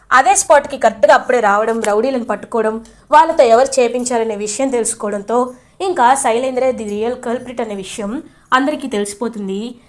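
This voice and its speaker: A woman chattily retelling a serial episode, quoting the characters as she goes. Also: fairly high pitch. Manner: chatty, animated retelling with quoted lines. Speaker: serial episode recap narrator. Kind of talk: casual storytelling recap.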